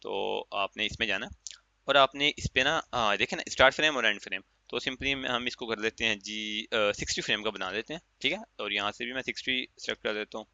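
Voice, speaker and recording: A man teaching a software tutorial in a chatty, step-by-step way, with an Urdu-inflected accent and many fillers. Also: lowish voice, a little fast, vocal fry, dry recording. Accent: Urdu-inflected Hindustani. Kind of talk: casual screen-recorded tutorial. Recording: dry, muffled lo-fi mic.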